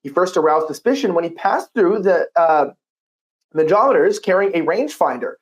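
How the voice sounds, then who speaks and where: A man's voice: high voice, animated. A man giving casual, skeptical political commentary and reading an ad. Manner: skeptical, conversational, quick asides.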